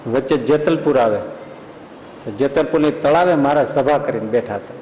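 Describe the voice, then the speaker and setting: A man's voice: mid-range voice, moderate pace, darkish tone, a little hiss or hum. A man as a swami telling a story in a sermon, folksy and acting out the people in it. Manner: folksy, acts out voices in the story. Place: temple school hall. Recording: echoey hall with long reverb.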